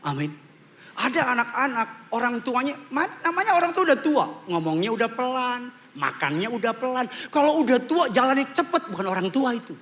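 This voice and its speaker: A man preaching a humorous, animated sermon to a congregation in church, slipping English phrases into his talk. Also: very high-pitched, slight background noise. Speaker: pastor.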